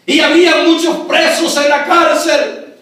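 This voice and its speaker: A man preaching a Sunday sermon to his brothers in faith, fervent, breaking into shouts on key phrases. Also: extremely high pitch, little pitch movement, measured pace. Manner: addresses the congregation as brothers. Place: large church hall. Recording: echoey church hall from far off.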